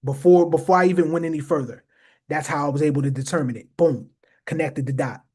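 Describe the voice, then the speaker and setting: Husky-voiced man explaining emphatically. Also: fairly high pitch, steady tone, quick pace, a little mellow. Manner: emphatic, repeats phrases, addresses viewers directly. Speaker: host. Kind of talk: casual explainer talk.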